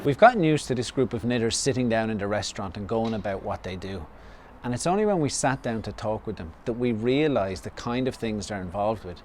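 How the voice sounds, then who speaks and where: A man's voice: fairly low pitch, lively intonation, fairly quick, few pauses, darkish tone, slight background noise. A man with an Irish accent, narrating a vlog as its host.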